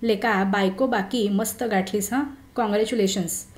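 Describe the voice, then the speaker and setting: A woman voicing a young man, an old college friend who speaks earnestly and gravely, in a story reading. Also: medium pitch, fairly even intonation, moderate pace, lightly acted. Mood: friendly. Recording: roomy echo.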